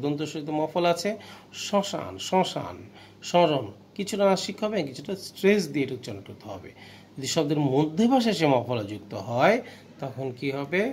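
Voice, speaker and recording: A man with a Bangladeshi Bengali accent teaches a grammar lesson in a fairly high voice. He spells out each rule slowly, repeats it, and checks in with questions. A faint room ambience sits behind him. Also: darkish tone, a little hiss or hum. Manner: explains slowly, repeats rules, asks the class questions.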